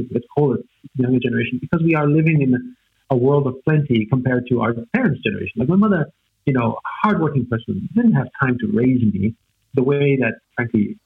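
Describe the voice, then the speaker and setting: This Austrian man in his forties, a native German speaker, talks as a guest with a medium-pitched, gravelly voice over a tinny, phone-like line with slight background noise. He reflects hesitantly in conversation, leaning on lots of fillers and tag questions like "right?"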